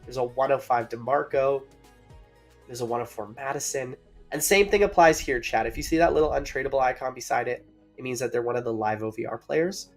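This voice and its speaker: A man's voice: medium pitch, fairly quick, soft background music. A man co-hosting a mobile game livestream, upbeat and chatty, greeting viewers in chat and sounding a bit out of breath.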